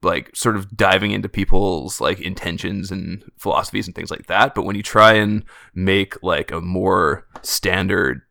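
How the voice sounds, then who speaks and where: Gravelly low-voiced man, dry sound. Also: moderate pace, few pauses, pushed and bright, no echo. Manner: thoughtful, explaining a theory at length. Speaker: podcast co-host. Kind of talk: casual chat.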